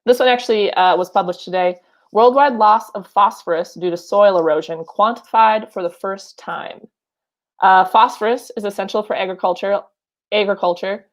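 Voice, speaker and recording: A woman's voice: mid-range voice, normal speed. A woman with a Wisconsin accent, co-hosting a podcast and reading news articles aloud with casual, filler-heavy asides. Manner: chatty, many fillers and asides. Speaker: podcast co-host.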